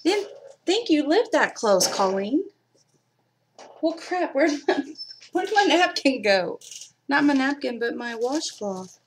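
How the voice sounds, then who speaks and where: Against a noisy background, a livestream crafter speaks slowly in a high-pitched, very animated voice, pausing often. She's a middle-aged Kentucky woman with a mild accent, chatting casually with viewers and addressing them in the chat.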